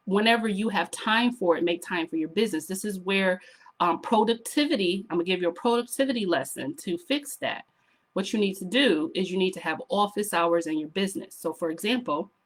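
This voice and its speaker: A woman with a slightly hoarse, mid-range voice gives sassy, animated coaching to her online audience in a motivational vlog to camera. She keeps a lively, encouraging tone at a moderate pace and often pauses to ask viewers to drop a comment.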